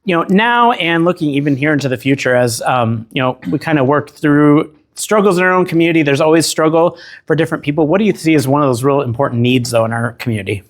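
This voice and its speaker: A man's voice: fairly high pitch, fast talker. A man hosting a casual interview, asking rambling, conversational questions and often chiming in to agree. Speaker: interview host.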